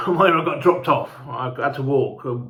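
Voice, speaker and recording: A man's voice: medium pitch, normal speed, reverberant, highs cut off. A man telling a casual, rambling travel story, sweary and chatty, sounding hungover and unwell. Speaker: fan vlogger.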